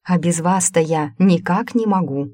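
Female narrator as stubborn, sarcastic sister talking back, low voice, dry audiobook. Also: a little slow, warm tone, dry recording. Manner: argumentative, sarcastic.

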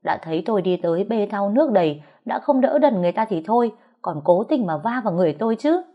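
Woman doing a shrill spiteful young wife. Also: animated, fast talker, lo-fi sound, natural voice. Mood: accusing. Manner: shrill, scolding, sneering. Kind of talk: storytelling audiobook.

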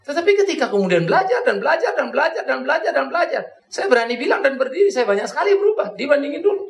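Animated male preacher in an echoey church. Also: very high-pitched, rapid-fire. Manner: animated, jumps between soft and loud; jokes and acts out his own past quarrels. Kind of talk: sermon.

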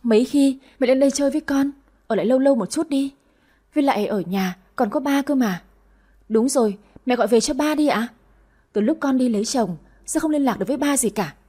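A woman voices a spirited young wife and big sister in an audio story. She fusses warmly over her family but snaps bossily when teased. Her voice is husky and mellow, pitched a little high. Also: brisk. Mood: pleading. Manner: warm toward family, bossy when teased.

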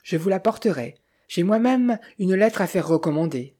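A reader voicing a cheerful, pushy Italian man with a brisk, persuasive manner in an audiobook. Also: mid-range voice, animated, mellow, natural voice. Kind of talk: audiobook character voice.

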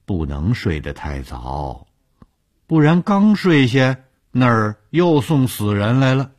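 A man voicing a frail, gruff old man who keeps a hospital morgue, talking in a blunt, matter-of-fact grumble. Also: mid-range voice, big pitch swings, slow, darkish tone, voice pushed up. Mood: grumbling. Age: older.

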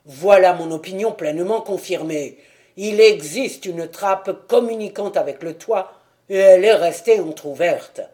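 A man's voice: high-pitched, measured pace, dark tone. A man reading the part of a stout, self-assured police detective who speaks in an important, sour tone. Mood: triumphant.

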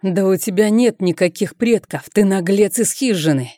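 A woman's voice: mid-range voice, normal speed, dark tone, dry recording, studio quality, lightly acted. A woman voicing a proud young nobleman who speaks with scorn and indignation. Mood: scornful.

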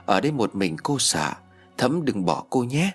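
A man's voice: mid-range voice, sing-song, moderate pace, breathy edge, faint music behind. A man voicing a lonely, childlike female ghost who clings to her nephew, in a whiny, pleading way.

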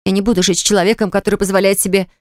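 A man's voice: high-pitched, flat delivery, very fast, no room sound, natural voice. Man raising his voice for a defiant young woman. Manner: raised, heated, protesting. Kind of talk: audiobook character voice. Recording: dry close studio recording.

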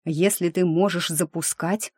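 A woman reading the lines of a calm, thoughtful young male mage in a slow, measured way. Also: on the low side, breathy edge, dry recording, clean studio sound.

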